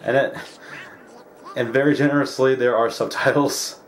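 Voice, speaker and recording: Over game music, a man hosts a let's play, chatting casually about the gameplay and using plenty of filler words. His mid-range voice is steady and moves at a normal speed, with a little hiss or hum in the recording.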